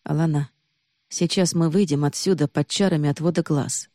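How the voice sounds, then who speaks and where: Woman reading as a stern young guy, low-ish voice, harsh and accusing, dry close sound. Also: fairly even intonation, moderate pace, no echo, close to an everyday voice. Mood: urgent. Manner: harsh and reproachful, then hushed and urgent. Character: young man, accusing, then desperately protective.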